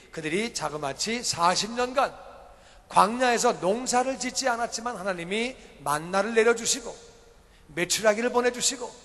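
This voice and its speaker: A man preaching in a church sanctuary, his high voice trailing off into a long reverb. He retells a story in simple words, repeating phrases and firing rhetorical questions at the congregation. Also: fairly bright tone. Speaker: pastor. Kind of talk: sermon.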